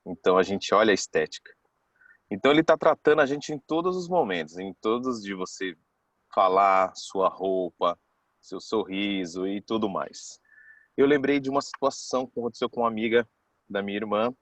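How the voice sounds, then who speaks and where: A man's voice: lowish voice, moderate pace, a bit bright, no echo. Chatty man telling stories. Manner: chatty, keeps saying "cara"; acts out quoted people. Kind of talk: casual storytelling.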